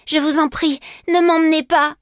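A woman voicing a desperate young peasant boy who pleads and cries out in a high, loud voice. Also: level tone, normal speed, dry recording, clean studio sound, natural voice. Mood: pleading. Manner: pleading, crying out.

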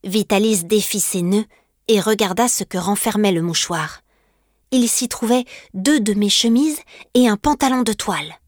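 A woman narrating a classic novel excerpt in a clear, steady storytelling voice. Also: medium pitch, moderate pace, no echo, studio quality. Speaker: audiobook narrator. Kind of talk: scripted narration.

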